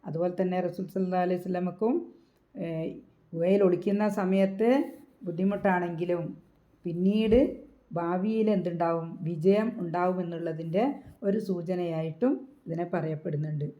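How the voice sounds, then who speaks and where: A woman teaching a recitation lesson in Malayalam, patiently repeating syllables slowly to demonstrate the sounds. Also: fairly low pitch, steady tone, highs cut off.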